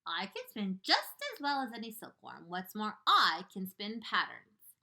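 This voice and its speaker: A woman's voice: mid-range voice, sing-song, unhurried, creaky, sharp tone, heavily acted. Female spider, prim and self-assured, storybook, woman voicing. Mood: proud.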